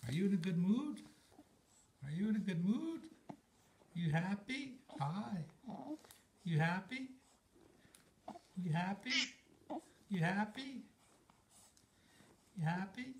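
Man cooing in high-pitched baby talk. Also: lively intonation, slow, long pauses. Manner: repeats short questions to a baby. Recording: noisy phone video with clicks.

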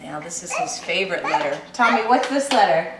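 A mother with a lowish, expressive voice speaks briskly as she coaxes her toddler through letters, encouraging and sing-song. The clip is a home video from a camcorder's built-in microphone, recorded indoors in an echoey room with faint hiss.

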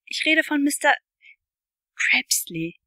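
A woman's voice: sits high, big pitch swings, slow pace, pushed and bright, no room sound, studio quality, pitched above the performer's own voice, full character voice. A woman reading the lines of an agitated, secretive young boy from a novel, snapping and then muttering. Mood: snappish.

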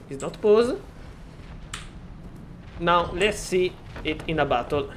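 An Italian man speaking English with an Italian accent makes a casual screen-recorded game tutorial. He is hesitant and self-deprecating, talking in a stop-start way full of fillers and restarts. His voice sits on the high side, with a little hiss or hum in the recording.

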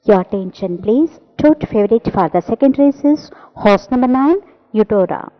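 Woman announcing over loudspeakers. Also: medium pitch, expressive, normal speed. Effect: heard through loudspeakers. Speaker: racecourse public address announcer. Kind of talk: formal public announcement. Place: outdoor racecourse. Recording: echoing, muffled public address audio.

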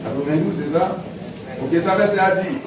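A man preaching a sermon. He reads Bible verses aloud, then explains them in halting, repetitive phrases. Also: high-pitched, crowd noise. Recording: very echoey, distant mic, faint background hum.

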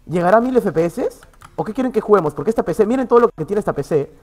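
Streaming from an internet café booth, a man with a Peruvian Spanish accent chats casually with viewers at a racing pace. He's excitable, swears freely, and lurches between loud outbursts and low muttering.

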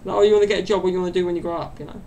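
A faint hiss or hum accompanies a twenty-something man racing through his solo podcast in a small bedroom, his desk mic off to the side. His high-pitched, gravelly voice has a dark tone and fairly even intonation, and his chatty, meandering talk is packed with fillers.

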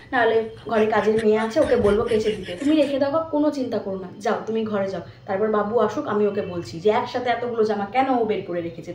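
A woman playing a kind, fussy mother-in-law who coaxes her new daughter-in-law along in a comedy sketch, talking fast. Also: a little high, darkish tone, close to an everyday voice. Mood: coaxing. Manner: fussy, coaxing, talks fast. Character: doting kind mother-in-law, middle-aged, fussing over her son's wife. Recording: echoey room with faint noise.

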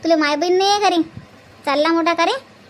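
A woman's voice: very high-pitched, brisk, slight background noise. A woman voicing a fierce middle-aged village auntie who scolds hotly, speaking with a Varhadi Marathi accent. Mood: scolding. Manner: scolding, fiery, righteous.

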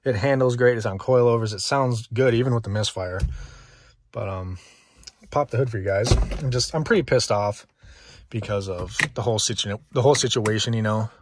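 A man's voice: lowish voice, moderate pace, slight background noise. A young man telling a casual story-time vlog outdoors in the cold, out of breath, rambling with lots of fillers. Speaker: car vlogger.

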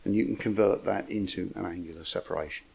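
A man's voice: low-pitched, steady tone, quick pace, vocal fry, darkish tone, slightly rough, rough recording. An older man giving an informal lecture to an astronomy club, with dry, wry humour and chatty asides. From England.

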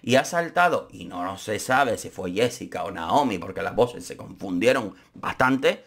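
A man's voice: on the low side, lively intonation, moderate pace, vocal fry, a bit bright, slightly rough. A man giving chatty, opinionated commentary on a reality show. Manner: chatty, opinionated, frequent restarts. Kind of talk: casual commentary vlog.

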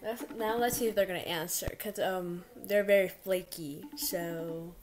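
A woman's voice: fairly low pitch, steady tone, unhurried, darkish tone, slight background noise. A teenage girl in a casual vlog, rambling nervously with lots of fillers and a slight lisp from her retainer, talking into a laptop mic at home. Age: teens. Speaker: vlogger. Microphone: laptop built-in mic.

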